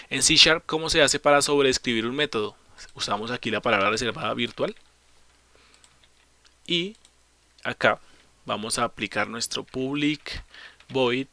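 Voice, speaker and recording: Bright-voiced man teaching code. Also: medium pitch, no echo. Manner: explains step by step, asks and answers his own questions, corrects slips. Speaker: programming teacher. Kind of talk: screen-recorded coding tutorial.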